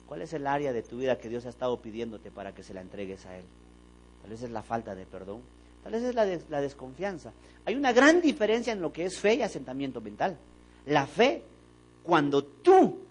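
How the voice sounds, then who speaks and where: Captured on a low-quality recording, a man with a fairly high-pitched voice delivers a sermon as pastor in a church sanctuary. He tells stories in an animated way and performs the dialogue himself.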